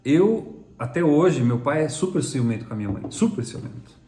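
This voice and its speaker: A man's voice: on the high side, sing-song, normal speed, roomy sound, over a noisy crowd. A middle-aged man from Brazil, co-hosting a mentoring live stream and reflectively telling personal anecdotes. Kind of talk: casual mentoring talk.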